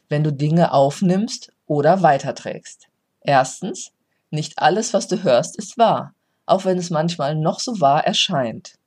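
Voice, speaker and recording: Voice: mid-range voice, darkish tone. A life coach giving an earnest motivational talk, speaking directly to the listener.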